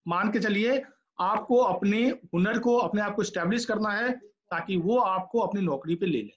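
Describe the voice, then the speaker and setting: A man's voice: high-pitched, normal speed, lo-fi sound. A middle-aged man lecturing students on job interviews, coaching them directly and acting out sample candidate answers. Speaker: lecturer giving interview tips. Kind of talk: classroom lecture in Hindi mixed with English. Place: classroom with students.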